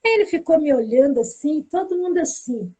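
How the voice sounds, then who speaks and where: High-voiced woman telling a story. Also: a little fast. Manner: lively storytelling, acting out the dialogue. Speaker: teacher and pedagogical coordinator. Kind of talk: casual spoken anecdote.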